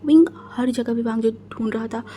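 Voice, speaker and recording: A woman's voice: on the high side, steady tone, normal speed, mellow, slight background noise. A woman narrating a fan-fiction story in a chatty, casual way, mixing in English words.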